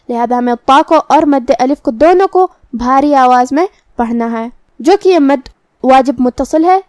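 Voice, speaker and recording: A woman teaching Quran recitation rules in a calm, step-by-step way, with slow drawn-out chanting of verse examples. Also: high-pitched, no room sound. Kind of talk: tajweed lesson explaining pronunciation rules.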